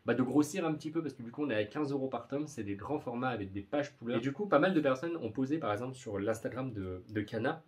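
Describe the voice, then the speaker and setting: A man's voice: mid-range voice, expressive, fast, hardly any pauses, darkish tone. A young man chatting casually in a vlog about upcoming manga, rambling and often stumbling over his words. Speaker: manga YouTuber.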